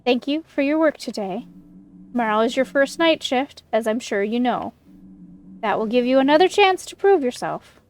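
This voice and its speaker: A woman voicing a stern, dutiful hospital superior in a video game, formal, measured and reproving. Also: a little high, lively intonation, natural voice.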